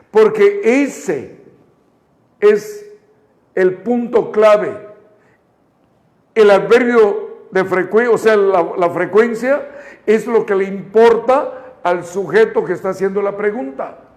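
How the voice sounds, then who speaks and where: A man's voice: sits high, darkish tone. A male English teacher with a Mexican Spanish accent, coaching students through repetition drills in a live online class. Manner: stretches English model phrases slowly.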